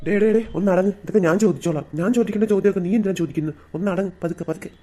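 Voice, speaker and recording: A bossy, boastful police officer, played by a man in a comic family skit, scolding his constable. He talks fast and a touch high, with a dark, mellow tone.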